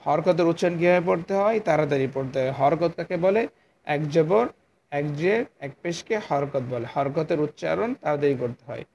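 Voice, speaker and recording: A man's voice: fairly high pitch, brisk, gravelly, few pauses, a little mellow, a little hiss or hum. A man teaching a recitation lesson, patiently drilling each letter by saying its name and then its sound. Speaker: Quran teacher.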